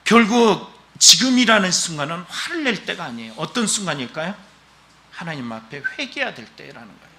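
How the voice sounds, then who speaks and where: A man preaching a Sunday sermon in a church, with a high-set voice that swings widely up and down. His tone is very bright and piercing. He presses his listeners with rhetorical questions and emphatic calls. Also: very animated, fairly quick. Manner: emphatic, exhortative. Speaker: pastor. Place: church during a worship service.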